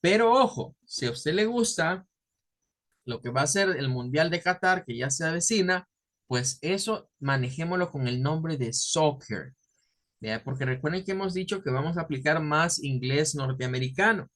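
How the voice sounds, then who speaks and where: Male teacher explaining slowly. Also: a little high, expressive, fairly bright tone. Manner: explanatory, stretches key words slowly, asks "¿verdad?" often. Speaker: English teacher. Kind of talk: online class lecture.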